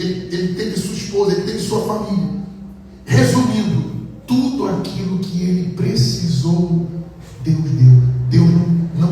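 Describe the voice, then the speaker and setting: A man's voice: high voice, warm tone. A Brazilian man preaching a sermon as pastor, with an emphatic delivery that rises and falls sharply. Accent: Brazilian Portuguese. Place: church hall. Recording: echoey church hall from far off.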